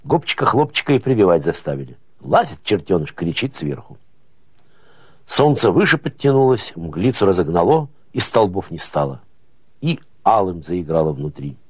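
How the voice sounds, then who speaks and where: Husky man reading an audiobook. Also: low-pitched, normal speed, no room sound. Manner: expressive storytelling with folksy rhythm. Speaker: narrator.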